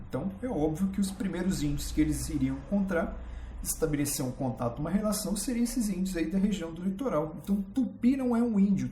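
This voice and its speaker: A man with a Brazilian Portuguese accent teaching a casual history lesson, chatty and full of rhetorical questions, pausing to admire his slides. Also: on the high side, warm tone, a little hiss or hum. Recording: roomy echo.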